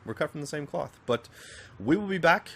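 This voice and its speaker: Speaking at normal speed in a fairly high voice with vocal fry and a slightly rough quality, a man co-hosts a casual podcast. He's from Northern Virginia with a general American accent and jokes crudely with his co-host, animated and swearing.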